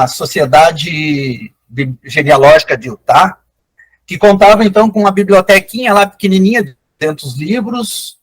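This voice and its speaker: A man's voice: sits high, fairly bright tone, low-quality recording. An older man giving an online lecture as a guest genealogist, explaining in an enthusiastic, conversational way over a video call.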